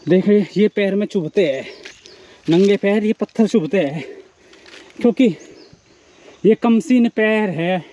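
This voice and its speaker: A man's voice: high voice, unhurried, long pauses, warm tone, a little hiss or hum. A man narrating a casual travel vlog outdoors on a forested hillside, talking while he hikes barefoot uphill and musing reflectively as he goes. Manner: reflective, musing, philosophical asides. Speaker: travel vlogger.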